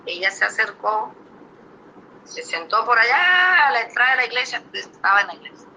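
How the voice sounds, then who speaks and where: A woman's voice: a little high, sing-song, moderate pace, pushed and bright, slight background noise, rough recording. A woman preacher telling a testimony in a sermon, emphatic and storytelling, often turning to the congregation with rhetorical questions.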